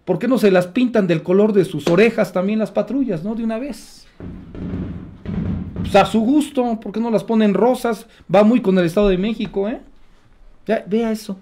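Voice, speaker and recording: Sarcastic high-voiced Mexican man. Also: normal speed, dark tone. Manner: sarcastic, indignant. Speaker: radio commentator. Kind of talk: opinion commentary broadcast.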